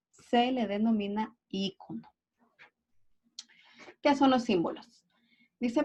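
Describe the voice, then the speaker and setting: Mellow-voiced teacher reviewing a lesson. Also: female voice, mid-range voice. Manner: explains step by step, often asks "¿verdad?" and "¿sí?". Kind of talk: recorded class review lesson. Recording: dull lo-fi recording.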